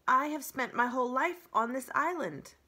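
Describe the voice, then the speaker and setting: A polite, literal-minded female robot from a children's storybook, voiced by a woman reader. The voice is bright and slightly husky, with formal, matter-of-fact phrasing and a calm temper. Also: high voice, moderate pace, voice pushed up, exaggerated voice. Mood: calm, earnest. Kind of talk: children's book read-aloud.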